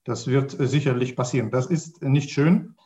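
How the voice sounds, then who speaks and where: Halting man with a Russian accent. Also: mid-range voice, warm tone. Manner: halting, searching for words with repeated starts. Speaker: academic panelist. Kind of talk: spontaneous panel discussion.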